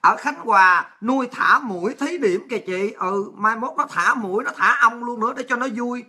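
A woman's voice: a little high, moderate pace, pushed and bright, breathy edge. A woman with a Southern Vietnamese accent hosting a livestream, ranting crudely and abrasively while reading out viewer messages. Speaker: livestream host.

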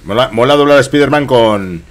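A man's voice: mid-range voice, fairly quick. A man in his fifties with an accent from Spain, giving casual, jokey gameplay commentary and muttering to himself. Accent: Spanish from Spain. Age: 50s. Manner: jokey, muttering to himself, echoing the game's lines. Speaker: game streamer. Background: game music.

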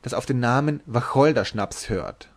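A man's voice: mid-range voice, normal speed, close to an everyday voice. A man voicing a tall, tipsy sailor who refuses a drink in an ornate, courtly manner. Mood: courtly protest. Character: tipsy tall male sailor, formal and long-winded.

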